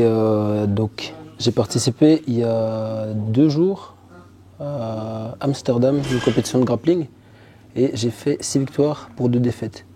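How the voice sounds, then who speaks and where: Young guy in his 20s, super dark mellow voice, talks about his fights, earnest and kinda cocky. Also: mid-range voice. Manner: earnest, confident, sometimes boastful. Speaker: amateur MMA fighter. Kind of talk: casual interview answers.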